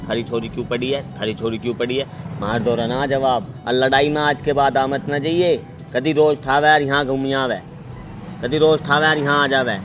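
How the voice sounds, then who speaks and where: An actor with a Haryanvi accent playing an exasperated older brother who speaks scornfully in rustic dialect. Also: male voice, a little high, fairly bright tone, lightly acted.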